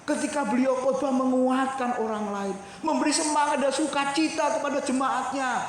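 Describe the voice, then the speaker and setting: A man preaching a sermon as pastor, animated, often addressing the congregation directly. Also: extremely high pitch, normal speed. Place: church hall. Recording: echoey church hall, faint noise.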